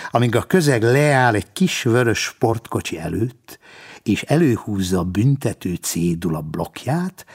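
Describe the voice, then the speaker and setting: A man reads a humorous story aloud in a wry, dry manner. His mid-pitched voice rises and falls with lively intonation as he paces the tale. It sounds like a storyteller at work. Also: husky.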